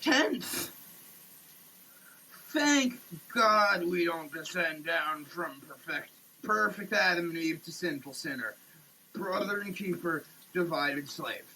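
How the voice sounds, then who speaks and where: Someone with a mid-pitched, bright, forceful voice dramatically reads a product label, declaiming it slowly in halting fragments and repeating words with animated theatricality. The noisy recording was made in a running shower.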